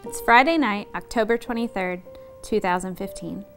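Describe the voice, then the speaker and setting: A woman being interviewed for a documentary, recounting in a halting, soft-spoken way with many pauses. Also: mid-range voice, faint music behind. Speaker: interviewee, widow.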